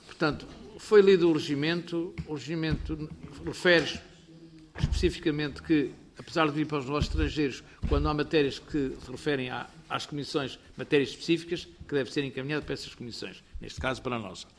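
Portuguese guy chairing a committee, kinda high voice, faint hiss behind. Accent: European Portuguese. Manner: formal, procedural, reads rules aloud haltingly. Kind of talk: chairing a parliamentary committee meeting.

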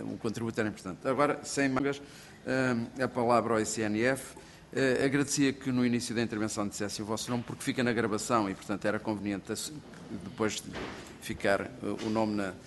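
Man chairing a session, somewhat low voice, polite and procedural, faint background noise. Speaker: committee chair. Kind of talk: chairing a hearing.

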